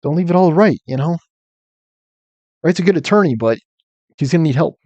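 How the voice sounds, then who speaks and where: A man's voice: fairly high pitch, expressive, a little fast, darkish tone, no room sound, highs cut off, voice pushed up. A man voicing a blustering, loyal police detective in a video game, barking like a drill sergeant. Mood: urging.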